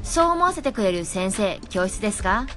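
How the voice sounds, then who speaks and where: A woman's voice: mid-range voice, sing-song, moderate pace, fairly bright tone. Woman explaining, faint music behind. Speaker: English teacher giving advice to parents. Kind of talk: scripted podcast talk.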